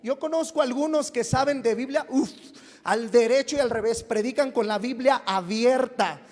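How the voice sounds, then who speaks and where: A man's voice: extremely high pitch, moderate pace, a little mellow. A man preaching a sermon to his congregation in a call-and-response style, having them repeat phrases and acting out whiny church members. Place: church hall. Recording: long reverb of a church hall.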